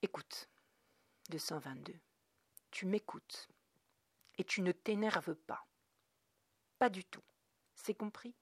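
A woman's voice: fairly low pitch, slow pace, pauses often, breathy edge, dry recording, exaggerated voice. A woman reading a grieving, pleading mother. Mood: tender, urgent. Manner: pleading, soothing, then urgent. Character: grieving mother coaxing her small son.

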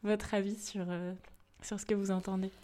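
A woman's voice: mid-range voice, level tone, moderate pace, dark tone. A woman hosting a podcast discussion who talks in a chatty, informal way. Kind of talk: casual discussion.

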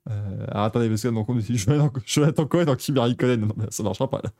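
A young man's mellow, mid-range voice races along as he hosts a motorsport podcast. It's a casual chat packed with jokes, laughs and digressions.

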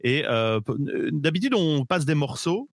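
A man hosting a live improv show, explaining in a relaxed, rambling way with lots of fillers. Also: fairly high pitch, a little slow, no room sound, studio quality.

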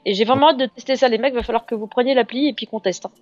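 A woman co-hosting a casual chat, upbeat and quick to laugh. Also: fairly high pitch, darkish tone. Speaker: co-host, game reviewer. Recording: slightly muffled, faint music behind.

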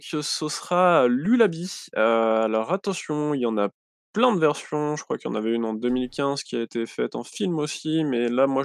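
A man's voice: mid-range voice, vocal fry. A man with a mid-range voice talks casually on a podcast. He rambles, fills the gaps with hesitations and corrects himself as he goes. The sound is dry and close, with no room echo. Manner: rambling, many fillers and self-corrections. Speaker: podcast co-host presenting a film.

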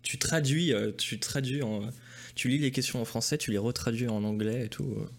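A man's voice: mid-range voice, normal speed, a crowd in the background. Enthusiastic male morning-show host. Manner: enthusiastic, admiring, hesitant fillers. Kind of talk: casual interview chat.

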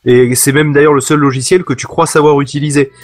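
A man in casual chat, relaxed and halting, with lots of fillers. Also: fairly high pitch. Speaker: podcast co-host.

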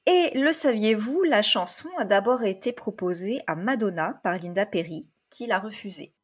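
A woman's voice: mid-range voice, expressive, normal speed, husky. Woman co-host, informative, leads the segment in easy conversation. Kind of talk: casual chat with presented facts.

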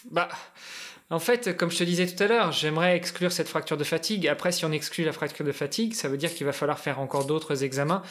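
A man with a fairly high-pitched voice speaks as a podcast guest. He talks casually and explains things step by step, working out his wording as he goes. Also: quick pace, fairly bright tone. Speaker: guest, endurance athlete preparing a challenge. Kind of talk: casual podcast interview talk.

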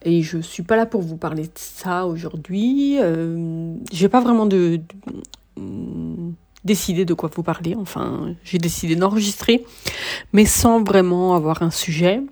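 A woman's voice: lowish voice, measured pace, a little mellow. A tired woman hosting a casual solo podcast, talking hesitantly with many filler sounds and restarts. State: tired, worn out. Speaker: podcast host.

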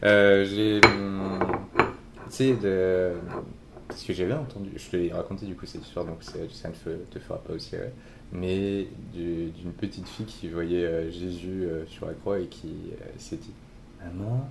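A man hosting a podcast, asking relaxed questions in a casual interview at a hostel. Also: low-pitched, normal speed, creaky, background noise. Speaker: podcast host.

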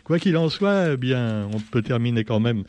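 A man's voice: mid-range voice, lively intonation, moderate pace, darkish tone. A man hosting a casual press review, sardonic and chatty, full of fillers and asides, from Réunion.

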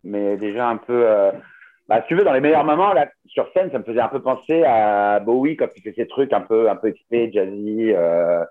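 A man chats casually about records on a podcast, stopping and restarting his sentences. His voice sits a little low. The sound is narrow and tinny, as if over a phone line. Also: normal speed. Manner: hesitant, many restarts and fillers. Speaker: podcast co-host. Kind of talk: casual music chat.

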